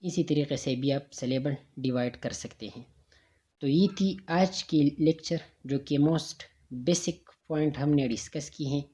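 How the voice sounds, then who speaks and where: A man's voice: fairly high pitch, slow, warm tone. A man teaching a recorded grammar lecture, explaining patiently step by step and sounding out examples syllable by syllable.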